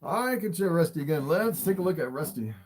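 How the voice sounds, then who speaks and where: Male livestream host, animal keeper type, somewhat high voice, informal and easily impressed, talking straight to viewers. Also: expressive, fairly quick, a little hiss or hum. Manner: easily amazed, often chuckling between remarks. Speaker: snake keeper hosting a livestream. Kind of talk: casual livestream chat, showing animals to viewers.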